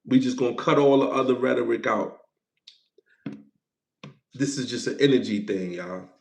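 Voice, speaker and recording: A man in his forties hosts a casual livestream, loose and playful, repeating himself and thanking viewers for gifts. His medium-pitched voice moves at a moderate pace with vocal fry, and the sound is roomy.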